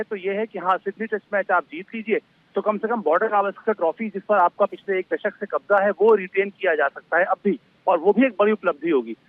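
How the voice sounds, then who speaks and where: A man, a sports correspondent, giving live analysis in a measured way with frequent filler pauses. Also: high-pitched. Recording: slightly dull line with faint music.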